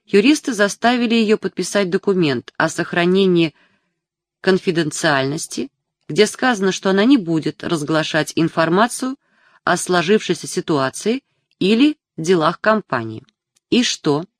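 An audiobook narrator reading literary prose in a measured, even storytelling manner. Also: mid-range voice, no room sound, clean studio sound.

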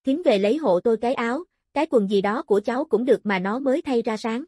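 A woman reading the part of a calm, good-humored old village hunter in a storybook, in a steady, gently joking way. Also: fairly high pitch, fast talker, husky, no echo, studio quality.

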